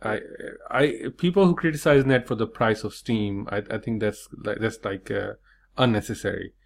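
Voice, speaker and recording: A man's voice: lowish voice, moderate pace, gravelly. A man hosting a casual online interview, frank and hesitant with many fillers. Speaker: interview host.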